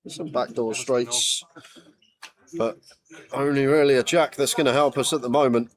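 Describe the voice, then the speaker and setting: A man giving excited, chatty live poker commentary in an animated, incredulous manner, quick to laugh. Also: medium pitch.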